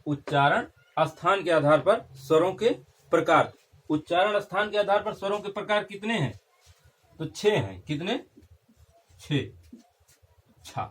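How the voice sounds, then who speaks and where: A man's voice: high voice, expressive, unhurried, pauses often, fairly bright tone. A young man teaching a Hindi grammar lesson, repeating key terms and checking in with his class.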